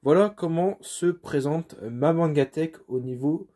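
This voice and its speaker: A man's voice: a little high, measured pace, warm tone. A man talks casually while filming his room on a phone held at arm's length. His speech is hesitant, full of fillers and self-corrections, with modest, self-deprecating apologies as he goes. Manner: hesitant, many fillers and restarts. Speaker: vlogger showing his manga collection. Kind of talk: casual home video tour.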